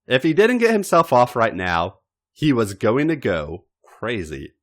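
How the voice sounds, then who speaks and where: In a mid-range voice, a podcast host reads a fan fiction piece aloud. He narrates with drama and expression, pausing deliberately and emphasizing lines theatrically.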